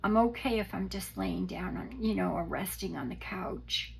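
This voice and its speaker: A hoarse, unwell woman with a croaky voice that breaks into a papery whisper, gently talking through a craft demonstration in a halting, casual way, as if thinking aloud. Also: mid-range voice, slight background noise, rough recording. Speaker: craft tutorial host.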